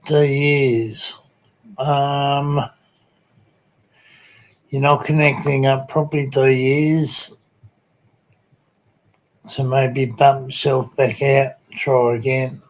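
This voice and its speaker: A man's voice: mid-range voice, little pitch movement, very slow, pauses often, a bit bright, low-quality recording. A man with a Tasmanian Australian accent hosts a casual live chat in a laid-back, colloquial, hesitant way, with lots of ums. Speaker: livestream host.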